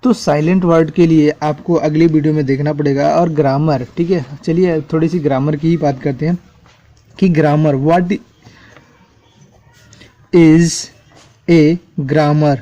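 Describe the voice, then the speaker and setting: A man's voice: a little high, fairly even intonation, normal speed, warm tone, lo-fi sound. A man teaching an English spelling lesson at a board, spelling words out letter by letter and checking in with the class often.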